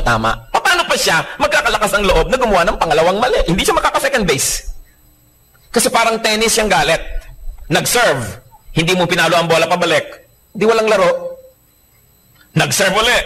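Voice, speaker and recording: A man preaching as a pastor, joking and lively, mixing English Bible verses into his sermon. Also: high-pitched.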